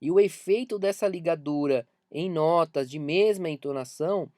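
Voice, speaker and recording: A man's voice: fairly high pitch, normal speed, warm tone, dry recording, studio quality. A man with a Brazilian Portuguese accent gives an online music lesson, talking emphatically and repeating key points to drive them home. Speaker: music teacher.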